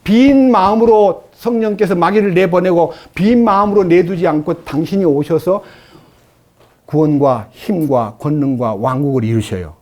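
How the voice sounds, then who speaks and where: A male pastor preaching a sermon in an animated way, acting out the voices he quotes. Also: high-pitched, moderate pace.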